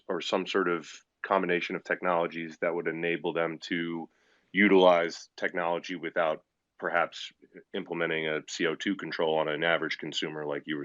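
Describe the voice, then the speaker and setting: A man's voice: deep voice, fairly bright tone, no echo. A man who joins a discussion with a question, polite and articulate with small hesitations. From United States. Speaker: listener joining with a question. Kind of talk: casual discussion. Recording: dull dry lo-fi line.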